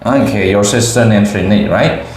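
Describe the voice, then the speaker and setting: A woman's voice: rumbling low, moderate pace, darkish tone, slight background noise. A young adult woman from Cambodia with a Khmer accent, an English teacher asking a child simple questions. She speaks patiently, repeats each answer back and praises often. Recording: echoey room.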